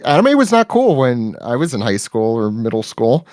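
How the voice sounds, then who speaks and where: A man chatting as a podcast guest, eager and often restarting his thoughts, his voice rising as he warms up. His voice sits in a middling register. The sound is close and dry, with no room around it. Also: mid-range voice, big pitch swings, normal speed, dry recording. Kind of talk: casual podcast chat.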